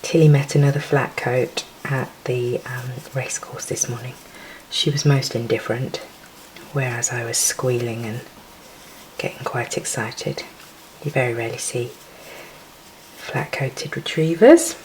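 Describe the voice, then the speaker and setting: A woman's voice: a bass voice, steady tone, measured pace, pauses often, a little mellow, a little hiss or hum, poor audio. A woman hosting a casual crochet tutorial, chatty and giggly, counting stitches aloud as she works.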